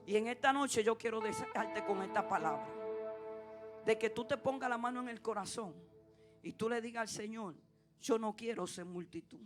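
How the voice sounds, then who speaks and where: A woman preaching a sermon at a church service, asking the congregation repeated questions and swinging from emphatic peaks to low, intimate passages. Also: moderate pace. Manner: impassioned, rising to emphatic peaks then dropping low and intimate. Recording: preaching over background music.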